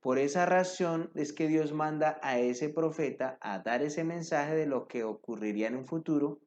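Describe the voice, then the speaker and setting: A man's voice: on the high side, normal speed, darkish tone. A man preacher reading scripture verses aloud and then explaining them directly to his listeners in a devotional sermon. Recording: dull lo-fi recording.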